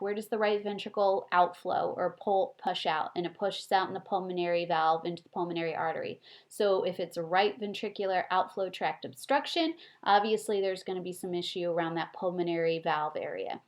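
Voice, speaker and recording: A woman giving a recorded nursing lecture, explaining in a chatty, animated way and asking the class rhetorical questions. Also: lowish voice.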